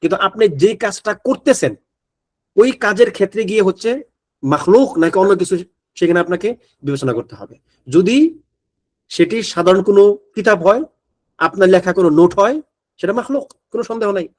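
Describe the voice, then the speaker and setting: High-voiced man teaching a religious class. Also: animated, brisk, long pauses, darkish tone. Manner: explains step by step, reads Arabic text then translates; conversational, checks in with listeners. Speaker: Islamic studies teacher. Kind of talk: classroom lecture on a text.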